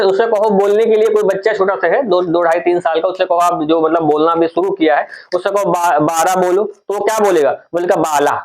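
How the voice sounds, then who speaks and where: A man's voice: sits high, poor audio. A man teaching memory tricks, repeating points and asking and answering his own questions. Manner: addresses viewers as friends. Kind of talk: explaining memory tricks for a general studies lesson.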